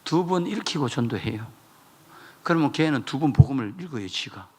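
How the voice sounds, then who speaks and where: A man preaching a revival sermon in a church, telling stories with sudden shouted high bursts. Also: moderate pace, husky. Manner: animated storytelling, jumping to shouted high bursts. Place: church sanctuary.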